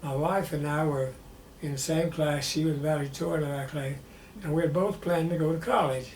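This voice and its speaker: A man in his nineties with a Southern American accent, an old veteran looking back on his life. His voice sits fairly high, and he recalls things plainly and haltingly. The room echoes around him, with faint noise behind. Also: steady tone, darkish tone. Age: 90s. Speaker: war veteran being interviewed. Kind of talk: personal reminiscence in an interview. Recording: roomy echo with faint background noise.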